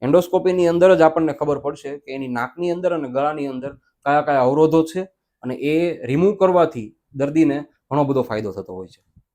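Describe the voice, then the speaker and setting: A man, an ENT doctor answering interview questions in a measured, explanatory way, mixing in English medical terms. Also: a little high, mellow.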